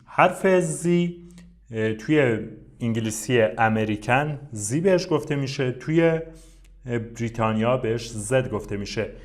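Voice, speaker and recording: A man teaching English to beginners at a steady, patient pace. He spells out letters and vowel sounds one by one with plenty of short pauses. His voice sits at an ordinary male pitch. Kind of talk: Persian-language English lesson.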